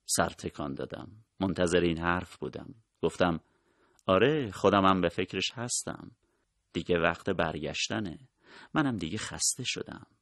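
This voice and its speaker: A man narrating a first-person audiobook in a calm, measured way. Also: deep voice, vocal fry, dry recording, clean studio sound.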